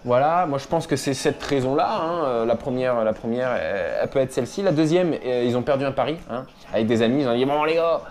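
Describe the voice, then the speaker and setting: A man's voice: medium pitch, animated, quick pace, few pauses, darkish tone. A young man hosting a casual comedic commentary, joking and chatty with many fillers. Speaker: host.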